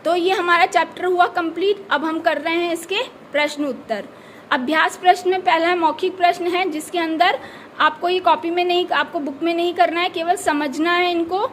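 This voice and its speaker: A woman's voice: very high-pitched, fairly even intonation, normal speed, a little hiss or hum. A woman teacher, patiently explaining a grammar lesson to children and answering her own questions. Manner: patient, repeats key words, asks and answers own questions. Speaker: school teacher.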